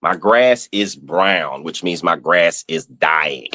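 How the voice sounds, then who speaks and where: A man's voice: sits low, lively intonation, takes it slowly, bright, forceful tone. A man with a Southern US accent, hosting a podcast, rants casually and swears with playful exasperation. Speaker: podcast host. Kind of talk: casual ranting monologue.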